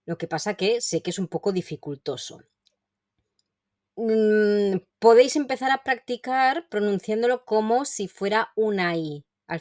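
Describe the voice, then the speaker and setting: A woman teacher explaining grammar in an online lesson, clear and patient, saying example sentences slowly and carefully. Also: medium pitch, no room sound, studio quality. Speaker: Catalan language teacher.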